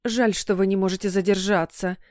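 A woman's voice: mid-range voice, steady tone, a little fast, a little mellow, dry recording, studio quality, close to an everyday voice. A woman voicing a flustered, anxious middle-aged mother in an audiobook, fretful and sighing.

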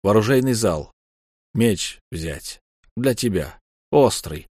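A male audiobook reader playing a brooding, tormented warrior husband who speaks low and grim. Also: expressive, slow pace, a little mellow, husky, dry recording, clean studio sound, full character voice.

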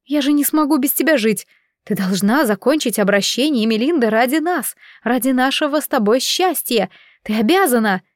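A grieving mother on the edge of tears, put on by a woman narrator. Her voice rises high and pleading, close and dry. It is a storybook reading. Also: expressive, normal speed, no room sound. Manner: pleading, sobbing. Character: frantic grieving mother, tearful.

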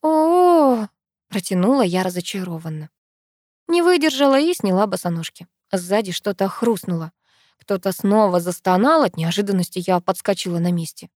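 A young woman narrating a first-person audiobook in a lively, expressive storytelling manner. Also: mid-range voice, a little fast, no room sound, studio quality.

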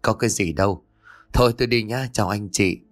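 A man doing a calm, firm exorcist. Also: lowish voice, faint music behind, close to an everyday voice. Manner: firm, measured, reassuring. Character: calm young male exorcist, firm and kindly.

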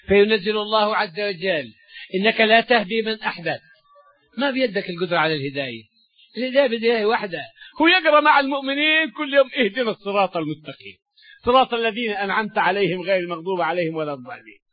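A man's voice: high-pitched, animated, quick pace, dry recording. An older man giving a sermon-style Quran commentary, telling stories in everyday speech between recited verses, with stammering restarts. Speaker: Islamic scholar giving a Quran commentary lesson. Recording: dull lo-fi dry recording.

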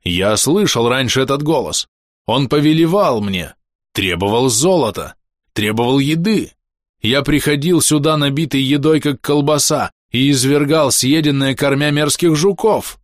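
Man doing a hoarse, dazed burly guard. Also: mid-range voice, dry recording, studio quality, voice pushed up, natural voice. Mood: grim. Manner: slow, dazed and pleading. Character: burly mustached male guard, freed from a curse.

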